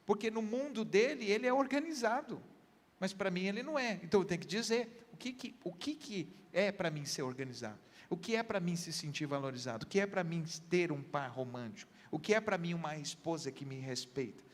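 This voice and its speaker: A man's voice: sits high, lively intonation, a little fast, long reverb tail. A man with a Brazilian Portuguese accent, a pastor, giving earnest counseling advice with everyday examples on a church program. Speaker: pastor, guest.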